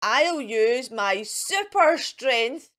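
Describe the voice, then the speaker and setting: Storybook wolf played by a woman: boastful would-be superhero, high and animated, earnest declarations. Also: drawn-out words, exaggerated voice. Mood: proud. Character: eager, boastful male cartoon wolf playing superhero.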